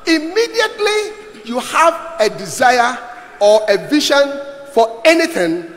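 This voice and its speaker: High-voiced emphatic man preaching. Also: sing-song, takes it slowly, fairly bright tone. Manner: emphatic, repeats lines for the interpreter. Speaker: pastor. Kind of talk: sermon with interpreter. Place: large church hall. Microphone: handheld mic. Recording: echoey hall with long reverb.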